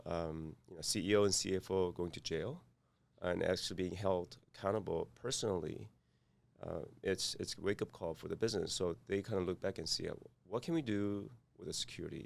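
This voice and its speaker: A man from South Korea with a Korean accent, a podcast guest speaking haltingly with many fillers and restarts. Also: sits low, gravelly. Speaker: guest, cybersecurity firm founder. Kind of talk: podcast interview.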